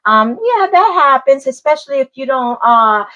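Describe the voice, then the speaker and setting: A woman hosting an interview show, asking measured questions with frequent ums. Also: high-pitched, big pitch swings, sharp tone, muffled recording. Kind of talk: hosted interview.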